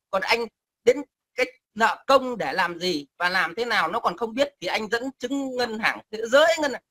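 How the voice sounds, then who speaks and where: A man's voice: sits high, bright, forceful tone. A male caller ranting angrily and coarsely, often stammering and repeating words. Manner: angry, coarse, repetitive stammering. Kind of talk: heated call-in rant.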